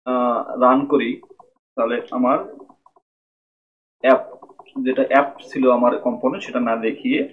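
A man giving a screen-recorded coding lesson, explaining step by step and often checking in with "okay?". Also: mid-range voice. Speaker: programming tutor. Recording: tinny phone-like mic with faint noise.

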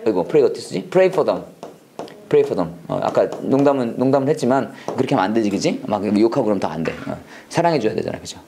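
A prayer-English instructor giving a classroom lecture with call-and-response drills. The instructor coaxes the class with questions, has them repeat, and switches between explanation and slow English model phrases. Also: medium pitch, darkish tone. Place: classroom with students answering.

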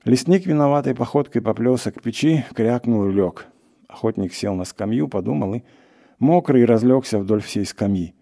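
A man narrating a classic short story in a steady, measured storytelling manner. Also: medium pitch, vocal fry. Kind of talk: literary reading of a classic story.

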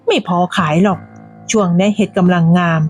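A woman's voice: lowish voice, a little fast, soft background music, lightly acted. A woman voicing a stubborn, feisty old village woman who sells mushrooms and brushes off warnings, in a storybook reading. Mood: defiant.

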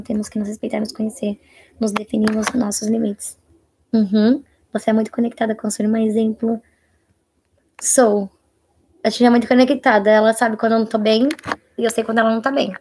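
A young Brazilian woman with a husky voice, hosting a casual live Q&A, chatting and reading viewer questions aloud, sometimes dropping to a hush. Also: on the high side, noisy background. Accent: Brazilian Portuguese. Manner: chatty, reads viewer comments aloud, drops to a hushed voice for private topics. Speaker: live-stream host answering viewer questions.

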